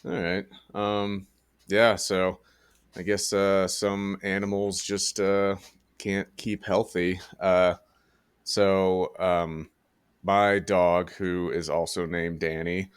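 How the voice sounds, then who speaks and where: A man co-hosts a casual podcast with a very deep, smooth voice. He talks slowly and hesitantly, filling gaps with uhs, and sounds close and dry. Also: level tone, no room sound. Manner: unhurried and hesitant, many uhs. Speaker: podcast co-host.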